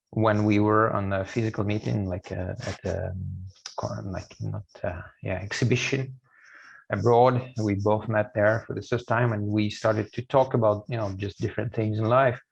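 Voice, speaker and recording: A man in his late thirties speaking as a guest in a casual interview, halting, with many fillers and restarts. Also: lowish voice, gravelly, dull audio. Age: late 30s. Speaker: guest musician.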